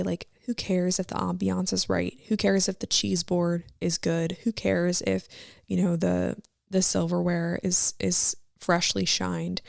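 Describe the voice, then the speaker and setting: A woman's voice: on the low side, vocal fry, darkish tone, dry recording, studio quality. A woman in her twenties hosting a casual devotional podcast, chatty and reflective, with lots of "like" and rhetorical questions. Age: 20s. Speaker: podcast host.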